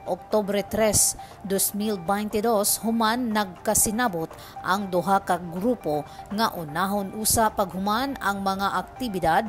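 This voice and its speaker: A woman's voice: medium pitch, unhurried, soft background music. A woman reporting the news in a formal broadcast delivery.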